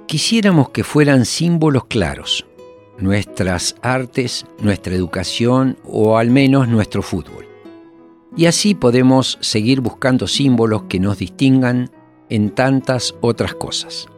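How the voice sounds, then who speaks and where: A man giving measured, reflective documentary narration with rhetorical questions. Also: mid-range voice, expressive. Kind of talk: scripted narration. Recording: faint music underneath.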